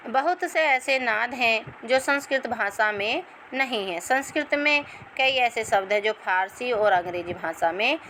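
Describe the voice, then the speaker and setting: A woman with a fairly high voice teaches grammar at a very unhurried pace. She reads a textbook aloud, explains it, and sounds out each letter one by one. A faint hum of traffic sits behind her. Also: sharp tone, poor audio. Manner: slow, deliberate, spells out sounds one by one.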